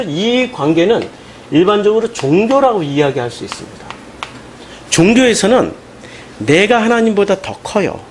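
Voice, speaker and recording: A man preaching a Sunday sermon as pastor, animated and emphatic, with questions put to the congregation. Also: high voice, a little hiss or hum. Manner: animated, rising into emphatic questions and mocking quotes.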